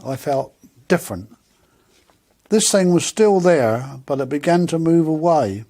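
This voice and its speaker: Older man telling a story. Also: fairly high pitch. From England. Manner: animated, acts out dialogue. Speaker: UFO contactee. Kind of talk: personal storytelling.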